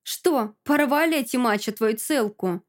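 Woman voicing a spiteful shrill young woman. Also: measured pace, natural voice. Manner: hissing, shrill, mocking.

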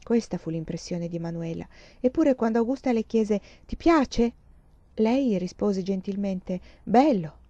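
Woman audiobook reader, calm measured novel reading, mellow voice, dry dull lo-fi recording. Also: medium pitch, no room sound.

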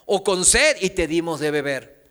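A male preacher teaches from scripture in a high, bright voice. He quizzes his congregation with questions and answers them himself. His voice rings out through a hall with long reverb. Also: lively intonation, normal speed. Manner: reads scripture aloud, raising his voice for quoted cries. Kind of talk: sermon teaching.

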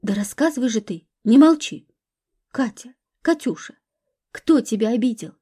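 A woman's voice: on the high side, expressive, normal speed, dark tone, husky. A woman voicing a caring, protective young woman in a storybook reading, speaking earnestly. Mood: concerned.

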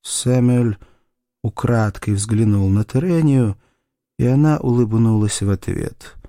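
A man reading a novel aloud as narrator, in an expressive, measured style. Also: medium pitch, no room sound, clean studio sound. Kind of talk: audiobook narration.

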